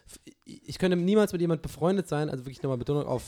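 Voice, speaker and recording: A man's voice: on the high side, rapid-fire, dark tone. A man co-hosting a podcast, rambling and breaking off mid-sentence, laughing often as he banters. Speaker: podcast co-host.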